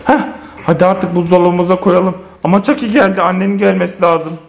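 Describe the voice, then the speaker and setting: A man filming a playful family vlog, teasing the kids and chatting to viewers in an animated way. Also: high voice, fairly quick, vocal fry, noisy background. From Turkey. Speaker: family vlogger.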